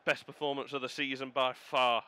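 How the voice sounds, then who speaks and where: A man's voice: medium pitch, a little fast, clear, resonant tone. A man casually commenting on his own football video game match, calling the play like a commentator and swearing when things go wrong. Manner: calls the play like a commentator, excitable on goals, swears when frustrated. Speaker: gaming video host.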